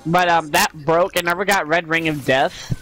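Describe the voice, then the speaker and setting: A man's voice: on the high side, steady tone, normal speed, bright, forceful tone, soft background music. A man chatting casually with a friend while they play a game, giggly and rambling with lots of fillers. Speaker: co-player. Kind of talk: casual game chat on a call.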